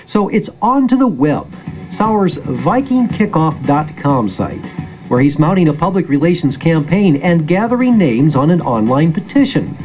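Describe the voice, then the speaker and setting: A man's voice: on the high side, darkish tone, breathy edge, rough recording. A man with an American accent narrating a scripted news feature as a public radio reporter, in a storytelling manner.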